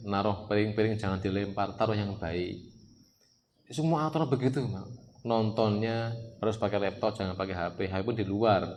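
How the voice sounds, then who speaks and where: A man preaching on parenting to a congregation, lively and direct, often asking the audience questions. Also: sits low, a little hiss or hum.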